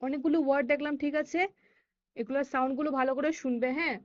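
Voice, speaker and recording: A woman English teacher with a Bengali accent and Bengali as her first language, teaching children, reading words slowly and deliberately with quicker asides. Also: high-pitched, fairly even intonation, lo-fi sound. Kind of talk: classroom lesson for children.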